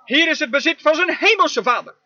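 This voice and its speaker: Man, very high sharp voice, emphatic dubbed sermon interpreter, dull lo-fi audio. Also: expressive, brisk. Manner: emphatic preaching, frequent amens.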